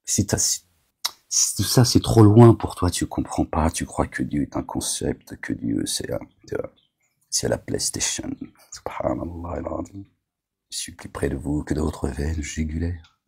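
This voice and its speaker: A man's voice: rumbling low, lively intonation, a little slow, vocal fry, warm tone, husky. A man delivering a rambling, agitated monologue to his viewers, scolding them as a self-styled preacher, with constant verbal tics.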